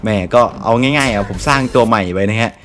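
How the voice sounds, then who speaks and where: A man's voice: on the low side, fast, fairly bright tone. A young man casually commentating his gameplay from a dorm room, chatty and very polite, laughing often. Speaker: gaming host. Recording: road noise bleeding into mic. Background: street traffic noise.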